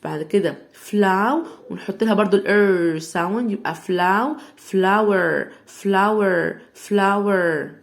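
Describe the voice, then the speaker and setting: A woman with an Egyptian Arabic accent teaching English phonics, sounding out words slowly part by part. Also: medium pitch, gravelly. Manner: slow stretched sounding-out of word parts, loud on examples. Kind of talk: phonics lesson.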